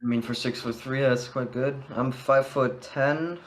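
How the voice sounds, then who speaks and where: A man's voice: medium pitch, steady tone, normal speed, slight background noise. A young man co-hosting a podcast in crude casual chat, swearing a lot and laughing between lines. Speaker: podcast co-host.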